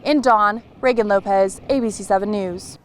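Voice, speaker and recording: A young woman reporter narrates a local news story with a measured, clear delivery. Her voice sits at an everyday middle pitch. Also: a little hiss or hum. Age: young adult.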